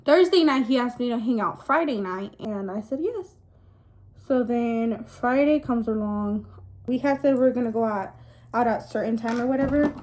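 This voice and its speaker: A young woman with a higher-pitched voice vlogs a casual storytime to camera at a moderate pace. She dishes gossip in a confiding, animated way, tossing in girl-talk asides.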